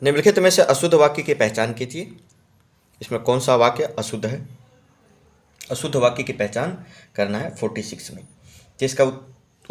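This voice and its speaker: Man patiently explaining test answers. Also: mid-range voice. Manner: repeats key words and checks with "है ना". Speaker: Hindi exam-prep teacher.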